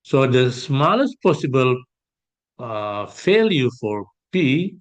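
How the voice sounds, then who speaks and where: A man working through an exam problem as a math tutor, thinking aloud with pauses and fillers. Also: medium pitch, sing-song. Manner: slow, hesitant, thinking aloud while sketching. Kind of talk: exam solution walkthrough.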